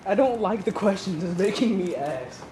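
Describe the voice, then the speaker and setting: A man's voice: high-pitched, lively intonation, normal speed, noisy background. A young man, a college student, chatting casually on a walk, rambling and laughing between thoughts. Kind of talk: casual chat while walking. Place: outdoors on a city street at night. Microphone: handheld camera.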